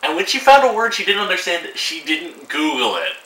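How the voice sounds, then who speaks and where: A man's voice: high-pitched, big pitch swings, fairly quick, creaky, bright, forceful tone, echoey room, recorded from a distance, rough recording. A teenage boy ranting to camera about a film, sarcastic and exasperated, swearing freely. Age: teens. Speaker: vlogger. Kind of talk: casual rant to camera. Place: room at home.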